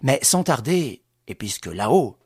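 A male audiobook narrator with a husky, breathy voice, reading in a measured, dramatic storytelling manner. His pitch moves expressively through the sentences, and he is recorded close and dry with no room echo. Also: big pitch swings, darkish tone. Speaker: audiobook reader. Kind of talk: scripted narration.

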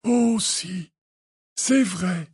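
An old wizard headmaster speaks slowly and gently, never losing his calm , as a man puts him on. The voice sits high and a bit husky, with a lively lilt. It sounds close and dry. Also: no echo, heavily acted. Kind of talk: audiobook character voice.

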